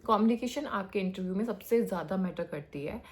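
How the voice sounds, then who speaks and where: A woman's voice: medium pitch, a little mellow. A young woman from India giving casual career advice as a developer. She talks in a hyperactive rush and mixes in phrases. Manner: hyperactive, rapid talker mixing in English phrases.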